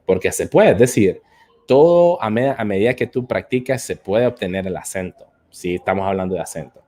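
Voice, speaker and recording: A man's voice: on the low side, lively intonation, fairly quick, mellow. A man hosting a live-stream English lesson, answering viewer comments in a hesitant way, with many filler sounds and repeated words. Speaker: English teacher and host.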